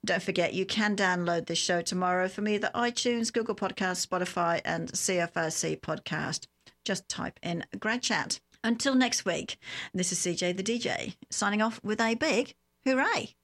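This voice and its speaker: A woman's voice: mid-range voice, normal speed, fairly bright tone. A woman hosting a radio show in a casual, chatty style. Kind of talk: casual chat and sign-off.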